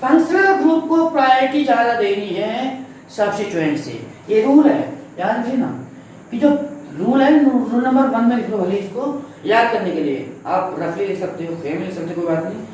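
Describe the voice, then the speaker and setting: A man's voice: high-pitched, normal speed, darkish tone. A male teacher giving a lesson in a conversational way, asking and answering his own questions and repeating the key points. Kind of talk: recorded classroom lesson. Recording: very echoey room, mic at a distance, faint noise.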